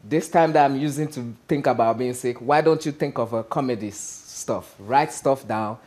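A Nigerian-accented man with a mid-range voice speaks at a moderate pace, chatting casually as a stand-up comedian guesting on a TV studio interview. He's animated, gestures a lot, and keeps asking "you understand?"

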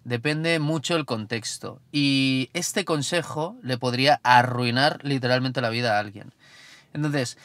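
A man in his thirties vlogs casually as he drives and then tours an apartment, chatting, joking, and gesturing with his hands, with scenes in a car, an apartment, and the mountains outdoors. His voice is on the high side and fairly bright, recorded with no room sound over a music bed.

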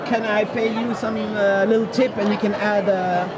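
A man's voice: sits high, steady tone, moderate pace. A man hosting a casual trade-show interview from behind the camera, firing eager follow-up questions. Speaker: video interviewer and show host. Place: busy indoor trade-show hall. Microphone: camera mic, speaking from behind the camera. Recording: loud expo crowd and hall noise. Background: loud crowd chatter and hall noise.

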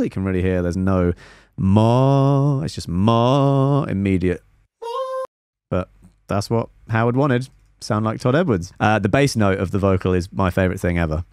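Here a lowish-voiced young producer gives a laid-back stream breakdown of a track from his small home studio, now and then scatting a melody to demonstrate. He uses a boom-arm studio mic, and the sound has no room echo.

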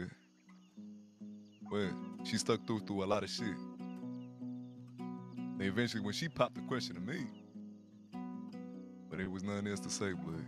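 Rambling, foul-mouthed man with a lowish voice. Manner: rambling and profane, repeats "you know what I'm saying". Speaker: roleplayer playing the groom. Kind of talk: improvised role-play wedding vows. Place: online game roleplay session.

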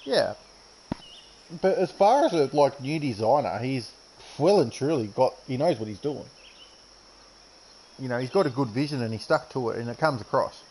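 A man's voice: medium pitch, animated, normal speed, pauses often, warm tone, slight background noise, rough recording. A man chatting casually and joking while streaming a golf game, often laughing. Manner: joking, laughs often, talks with his mouth full. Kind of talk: casual gaming chat.

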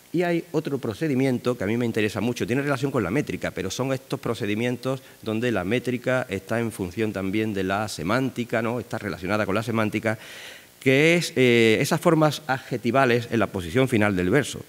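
Older man lecturing in a reverberant hall. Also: lowish voice. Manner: digressive, filler-heavy, frequent tag questions. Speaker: literature scholar giving a conference lecture. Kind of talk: academic lecture. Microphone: desk microphone.

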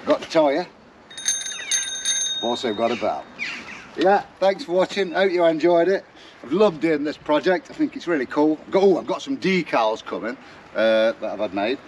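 A man's voice: on the high side, lively intonation, normal speed, lo-fi sound. East Midlands man, noisy vlog recording. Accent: broad Derbyshire, East Midlands. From Derbyshire, England. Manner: jokey, playful, slangy. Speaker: vlogger presenting a bike restoration. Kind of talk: casual chat to camera. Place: mostly outdoors in a garden, some in a wooden shed workshop.

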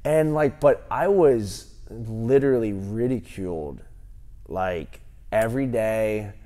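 A man in his thirties, a gym owner, answering interview questions with animated stories and lots of fillers, on a lapel mic in a large gym. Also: fairly low pitch, slow. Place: large empty gym, indoors.

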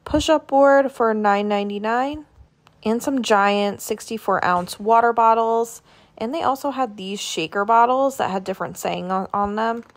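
With a slightly high voice at a moderate pace, a shopping vlogger wanders a grocery store filming on her phone and chatting about the products and prices she sees.

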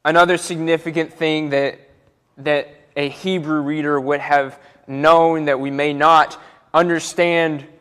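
A man's voice: on the high side, fairly bright tone, smooth. A young man preaching a sermon from a church pulpit, earnest and repeating words as he builds each point. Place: church auditorium, speaking from a pulpit. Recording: church hall with long reverb.

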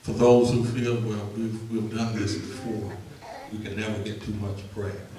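Echoey, slow-paced man praying in church. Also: lowish voice, level tone. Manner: earnest, deliberate, repetitive phrasing with pauses. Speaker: minister leading prayer. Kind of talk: extemporaneous church prayer, preaching cadence. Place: church sanctuary, indoors. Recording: very echoey church, distant mic, loud congregation.

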